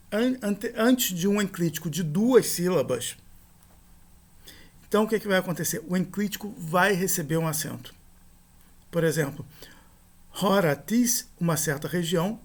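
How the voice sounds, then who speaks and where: A man, teaching a grammar lesson in a methodical way, repeating terms and slowing down on each example word. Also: high voice. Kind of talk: grammar lecture.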